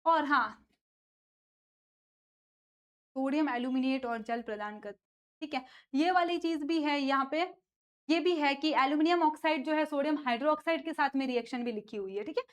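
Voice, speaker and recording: A woman teaching school science in a lively lecture, often asking a question and then answering it herself, with playful asides. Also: sits high. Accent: North Indian Hindi. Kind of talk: classroom lecture with call-and-response questions.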